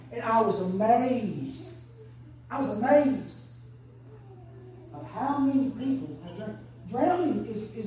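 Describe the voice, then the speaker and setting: A woman, preaching an impassioned sermon that swings between hushed and shouted. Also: on the high side. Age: 30s. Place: church sanctuary. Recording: echoey church from far off.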